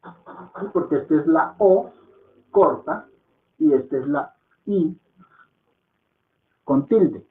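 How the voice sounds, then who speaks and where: A man teaching a lesson at a slow, deliberate pace, in a slightly high voice for a man. He repeats words again and again to drill pronunciation. The sound is echoey and thin, like a phone line. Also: expressive. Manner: checks in with soft "¿mm?" and "¿ok?". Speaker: Hindi teacher.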